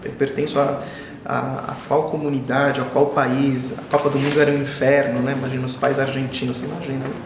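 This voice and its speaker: Speaking as a guest in an interview, the Israeli-born, Brazil-raised children's author, a man in his forties, has a mid-range voice and a slightly quick pace. He is thoughtful, often repeating himself, and grows lively when storytelling. The recording is reverberant over a noisy background.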